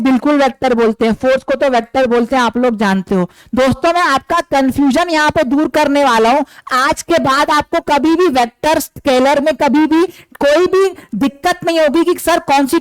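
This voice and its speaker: A man's voice: extremely high pitch, dry recording, poor audio. A man teaching a physics class who keeps asking questions and answering them himself, calling his listeners his dear students.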